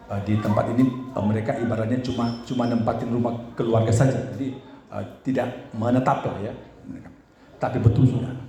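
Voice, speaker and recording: A man's voice: fairly high pitch, gravelly, a little mellow. A man, the church's pastor, delivers a Sunday sermon in a chatty way, often turning to speak to the congregation. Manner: conversational preaching with frequent asides to the congregation. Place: church hall. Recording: echoey church hall with faint background noise.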